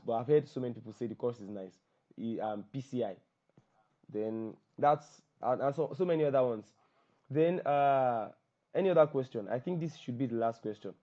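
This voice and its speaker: A man answering questions in an online copywriting class, talking fast and repeating phrases, over a video call. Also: medium pitch, dark tone, muffled recording. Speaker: guest copywriting teacher.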